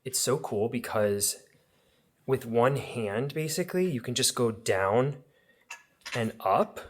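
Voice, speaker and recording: A man's voice: mid-range voice, expressive, slow pace. A man vlogging about his home makeover, explaining things in a casual, chatty way with informal asides to viewers.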